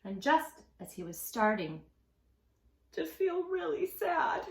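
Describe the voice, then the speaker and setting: A woman hosting a read-aloud for young children, expressive and emphatic, speaking straight to the listener. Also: high-pitched, takes it slowly, vocal fry, echoey room. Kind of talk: animated picture-book reading for young children.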